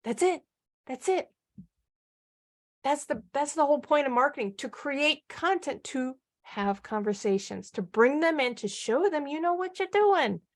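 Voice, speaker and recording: Upbeat woman with a high voice coaching. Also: normal speed, few pauses. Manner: energetic, hyped, asks the audience questions. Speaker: marketing coach. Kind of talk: live online training session.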